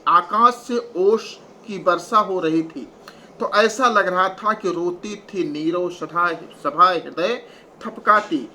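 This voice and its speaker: A male teacher explaining a Hindi poem at a slow, unhurried pace, with a fairly high voice. His tone is bright and sharp, and faint noise sits behind him. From India. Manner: slow, recites verse then explains in plain prose. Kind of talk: poetry explanation lesson.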